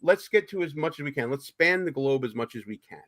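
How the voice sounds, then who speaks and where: A male talk show host with a Brooklyn accent chats informally through a live political stream. His voice sits quite high for a man and moves up and down with a lot of animation. He is loose and a little salty in his wording. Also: expressive, brisk, fairly bright tone. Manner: chatty, profane, informal.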